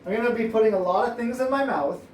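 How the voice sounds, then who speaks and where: A man cooking in a home kitchen talks casually, rambling and cracking jokes as he goes. His voice is mid-pitched and picked up from some distance. The room rings with echo and steady noise. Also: quick pace. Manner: rambling, joking, playful. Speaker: home cook and host. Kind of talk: casual cooking show chat. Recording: echoey kitchen, mic at a distance.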